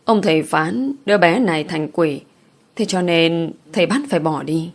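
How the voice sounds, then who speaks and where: A woman voicing a frightened pregnant village mother in an audiobook, pleading in a lowish voice. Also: moderate pace. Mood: fearful.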